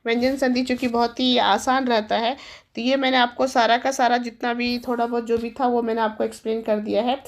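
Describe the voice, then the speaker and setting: A woman with a high voice teaches a classroom-style grammar lesson. She works through each example step by step, posing questions and answering them herself, and she calls her students children. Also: little pitch movement, a little fast.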